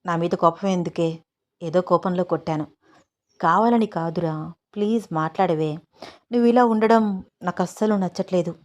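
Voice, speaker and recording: A woman's voice: mid-range voice, moderate pace, pauses often, a little mellow, close to an everyday voice. A woman voicing a playful, pushy young husband who teases his wife. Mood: pleading softly. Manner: teasing, cajoling.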